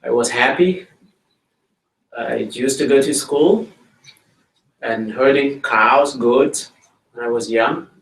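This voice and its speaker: A middle-aged man from South Sudan, speaking English with a South Sudanese accent, giving a plain, slow storytelling talk to schoolchildren in a school library. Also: mid-range voice, a bit bright. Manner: plain, slow-paced storytelling, addressing children directly. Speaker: guest speaker. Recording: roomy hall audio from a distance.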